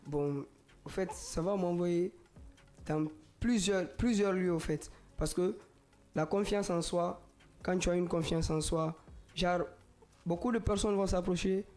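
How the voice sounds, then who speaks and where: A man's voice: high-pitched, unhurried, a little mellow, faint music behind. Young man giving short casual answers. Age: young adult. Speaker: young singer, guest. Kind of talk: interview answers.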